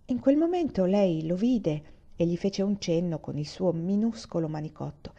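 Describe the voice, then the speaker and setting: A woman reading a literary short story aloud in a measured, expressive way, with occasional restarts. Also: fairly low pitch. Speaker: literary reader. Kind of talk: audiobook-style story reading. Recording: dull lo-fi recording.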